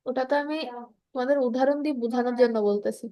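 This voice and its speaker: A woman teaching a children's Quran reading class, explaining slowly and modelling each sound. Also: high voice, fairly even intonation, dark tone. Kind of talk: online kids class lesson.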